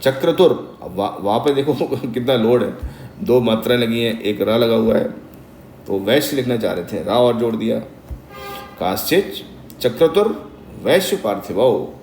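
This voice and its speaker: A man's voice: mid-range voice, normal speed, a little mellow. A man teaching Sanskrit recitation, chanting verses syllable by syllable and then explaining pronunciation in speech. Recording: roomy echo, faint background noise.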